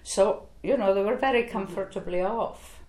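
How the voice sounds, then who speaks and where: An older Polish woman recalls her early life in an oral history interview, speaking slowly and reflectively with frequent fillers. Her voice is mid-range with a darkish tone, recorded in an echoey room.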